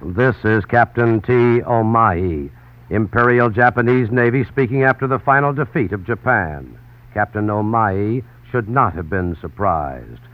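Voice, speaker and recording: A man's voice: medium pitch, no echo. A man narrating as a radio correspondent in emphatic 1940s newsreel style. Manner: dramatic, emphatic announcer delivery. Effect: old newsreel broadcast sound. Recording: tinny old radio broadcast with faint hiss.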